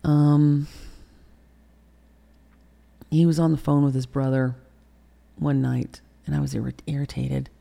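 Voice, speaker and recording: A middle-aged woman as an interview guest, telling a personal story candidly and emotionally, swearing and acting out heated quotes with sudden loud bursts. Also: deep voice, little pitch movement, measured pace, gravelly, pauses often.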